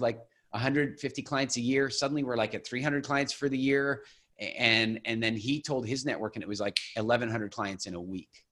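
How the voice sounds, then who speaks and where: A man in his forties telling his life story as an interview guest, animated and full of restarts, acting out quoted voices. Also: on the low side. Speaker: guest, business founder.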